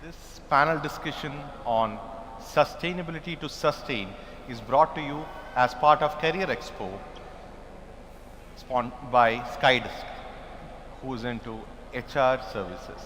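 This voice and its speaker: A man's voice: medium pitch, measured pace, fairly bright tone, a little hiss or hum. Formal male panel moderator. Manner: formal, announcing. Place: large expo hall. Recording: hall reverb, faint ambience.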